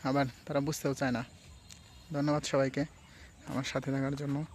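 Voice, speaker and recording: A man's voice: medium pitch, moderate pace, a little hiss or hum. A young man from Sirajganj, Bangladesh, with a Sirajganj regional accent, chatting casually and ramblingly outdoors by rice fields. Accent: Sirajganj regional Bengali. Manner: relaxed, rambling, mixes regional and standard speech. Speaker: vlogger. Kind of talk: casual outdoor vlog chat.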